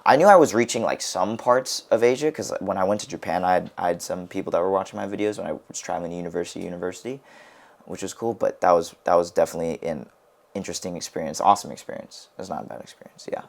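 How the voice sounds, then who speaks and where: This deep, gravelly voice belongs to a young American wrestler who co-hosts a laid-back podcast. He talks fast, spinning meandering tales that lean heavily on "like" and keep starting over.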